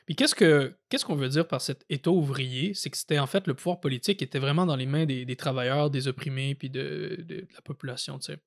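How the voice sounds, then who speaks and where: A man with a Québécois French accent, co-hosting a casual podcast and explaining political history, often pausing on fillers and restarts as he thinks aloud. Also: mid-range voice, gravelly. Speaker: podcast co-host. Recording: audio-only podcast.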